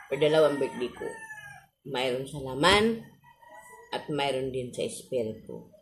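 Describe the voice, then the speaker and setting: A Filipino woman with a low-pitched voice chats casually to her viewers. Her speech is slow and halting, shaped by missing front teeth. She is polite and often repeats her words. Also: lively intonation. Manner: polite, halting, with frequent repetition. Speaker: vlogger.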